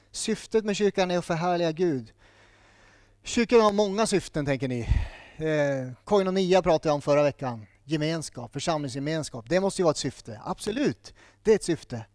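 A man's voice: a little high, darkish tone, no room sound, clean studio sound. A man preaching a sermon in a church, building his points through short repeated phrases.

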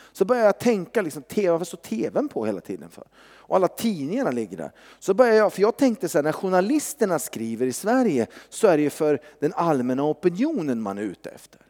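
A man preaching a sermon, animated and conversational, often tossing in quick tag questions as he tells a story. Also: high voice, big-room sound. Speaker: pastor. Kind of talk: sermon with personal testimony.

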